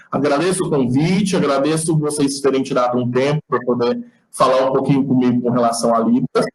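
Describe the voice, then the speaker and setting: A man's voice: medium pitch, reverberant, poor audio. A man with a Brazilian accent giving an online lecture, patiently explaining the sign alphabet step by step. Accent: Brazilian Portuguese. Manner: patient, explanatory, demonstrates as he talks.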